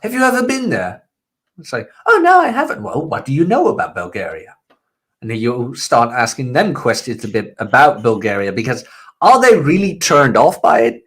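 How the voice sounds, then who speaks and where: A Dutch man whose English sounds British, co-hosting a casual podcast in a relaxed, joking way. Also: normal speed, breathy edge. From Netherlands. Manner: laid-back, joking, lively pitch. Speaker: co-host.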